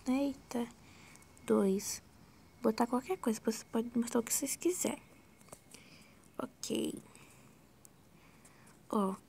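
A Brazilian woman walking through a video editing tutorial in a casual, scattered way, often sinking into a soft whisper and exclaiming to herself. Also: fairly high pitch, creaky, slightly rough. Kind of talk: casual screen-recorded tutorial.

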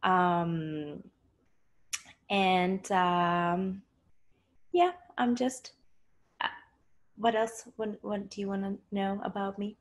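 A woman's voice: medium pitch, fairly even intonation, drawn-out words, long pauses, rough recording. A young woman from Greece, a dancer, talking on a video call from her living room couch, with many fillers and restarts. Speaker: dancer and choreographer guest. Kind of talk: casual interview on a video call. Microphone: laptop webcam on a video call.

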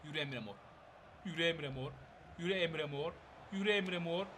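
A young man giving excitable live gameplay commentary, urging on and scolding his players. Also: on the high side, normal speed, a little hiss or hum. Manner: excitable, shouts at players, bursts of laughter. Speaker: gaming channel host.

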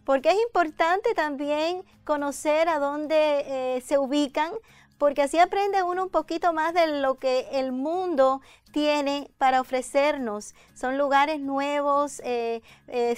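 A middle-aged woman hosts a conversational interview programme on an indoor TV studio set furnished with armchairs. Her voice sits high and steady, and she speaks slowly. The recording is dry.

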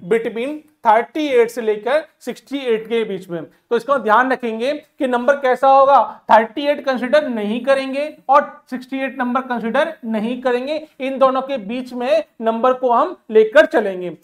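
A male math teacher walks students through an exam-prep lesson. He keeps asking rhetorical questions and answers each one himself. He addresses listeners fondly as "my dear" and counts numbers aloud in a steady rhythm. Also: extremely high pitch, measured pace, hardly any pauses. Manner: calls listeners "my dear", mixes English terms into Hindi.

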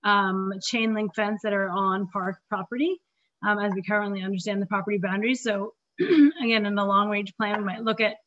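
A woman's voice: mid-range voice, fairly bright tone. Woman losing her voice, presenting plans. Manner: halting, many fillers and throat clearing. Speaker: park planner presenting at a community meeting. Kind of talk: presentation over slides. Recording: dull lo-fi meeting audio.

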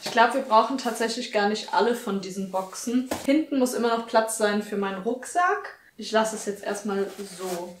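A young woman in her twenties chats casually to her camera at home, listing her chores one after another. Her pitch sits in a middle range for a woman. A faint hiss of noise stays under her voice in the small room. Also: expressive, moderate pace, hardly any pauses. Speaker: lifestyle vlogger. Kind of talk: casual vlog talk to camera. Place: small bright apartment room, indoors.

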